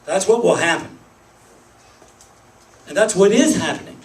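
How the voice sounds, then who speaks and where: A Pennsylvania man with a high, animated voice speaks at a measured pace, giving an informal talk to a group meeting full of restarts and emphatic lists. He sounds distant in an echoey room.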